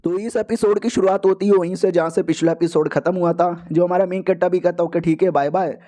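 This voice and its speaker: A man with a high but dark-toned voice recaps a comic book, keeping his tone steady and his pace brisk. His casual storytelling is slangy and chatty, and he jokes and laughs along.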